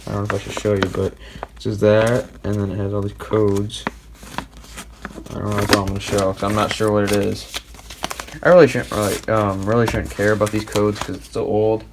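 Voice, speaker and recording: A man hosting a casual tech video, thinking aloud as he unpacks old software and gets an old computer ready. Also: on the low side, completely flat delivery, a little fast. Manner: rambling, hesitant, thinking aloud. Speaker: tech hobbyist host. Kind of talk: casual commentary while unboxing and building a PC. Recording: noisy home recording.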